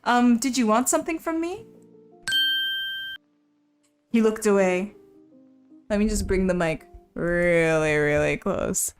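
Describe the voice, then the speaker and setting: A woman's voice: medium pitch, takes it slowly, long pauses, faint music behind. A young woman streaming a visual novel, playfully reading its narration and lines aloud. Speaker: game streamer.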